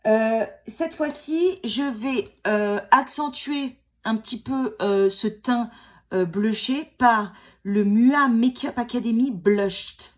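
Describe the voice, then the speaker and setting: Speaking slowly in a voice on the high side, a beauty vlogger in her forties does her makeup at home. She has a cold and chats in a casual tutorial style, self-mocking and full of fillers and restarts.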